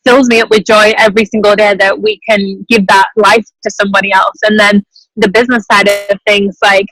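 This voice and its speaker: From an airport terminal, a young Englishwoman in her twenties joins a group video call to give a motivational testimonial, enthusiastic and informal. She is brisk and fairly bright at medium pitch with a flat delivery, and the poor audio has no room sound.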